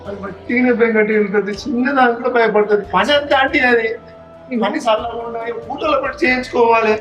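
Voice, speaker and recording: Woman acting a comforting relative, fast talk, Telangana Telugu accent, echoey dull room. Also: on the high side, fairly even intonation, over music, close to an everyday voice. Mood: coaxing. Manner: coaxing, reassuring. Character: relative comforting sick sister. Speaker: actor in a family drama.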